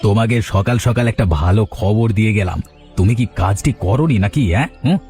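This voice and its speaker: A man's voice: fairly low pitch, animated, a little fast, music in the background, close to an everyday voice. A man voicing a greedy village husband in a cartoon, grumbling, impatient and mocking. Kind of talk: cartoon dubbing.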